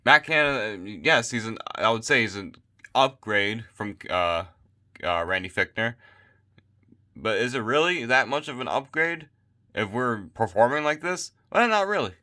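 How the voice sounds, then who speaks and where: A man's voice: mid-range voice, animated, a little slow, bright, forceful tone. A man vlogging his sports opinions late at night, tired and losing his voice, rambling and repeating himself into a phone mic. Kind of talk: casual opinion rant.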